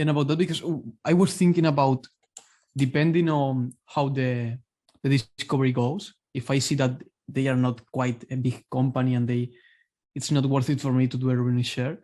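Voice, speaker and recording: A man's voice: mid-range voice, fairly even intonation, normal speed, warm tone. A man on a video call explaining his plans to a coach, hesitant and thinking aloud. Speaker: coaching client. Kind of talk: asking questions on a call.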